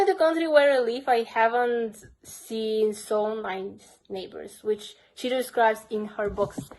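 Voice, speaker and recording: Over poor audio, a young woman with a slightly high voice and a Bulgarian accent goes through her crime book collection for a casual vlog. Her tone is earnest, her wording simple, and "basically" comes up again and again.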